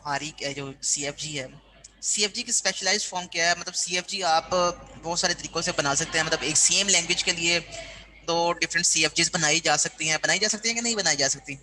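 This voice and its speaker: In a classroom lecture, a university lecturer walks his students through the material step by step, frequently checking in with them. He speaks fairly quickly at a fairly high pitch with a sharp tone, and the recording is rough.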